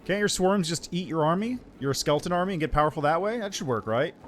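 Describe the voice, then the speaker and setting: A man's voice: a little high, lively intonation, fast. A man chatting casually with viewers on a livestream through a headset mic, greeting them and reading chat aloud between gaming remarks. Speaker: streamer.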